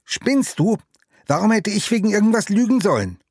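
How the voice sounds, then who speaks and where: A man voicing an angry little boy in an audiobook reading, shrill and accusing. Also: sing-song, normal speed, slightly rough, no echo, studio quality, exaggerated voice. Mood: indignant. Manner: shrieking, accusing. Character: furious small boy, shrill and spiteful.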